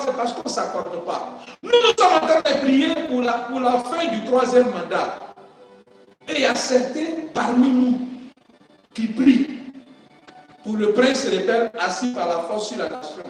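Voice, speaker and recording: A man preaching a sermon, fervent and swinging between shouting and quiet, calling to the congregation for responses. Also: very high voice, very animated, a little slow. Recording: echoey hall from far off, music.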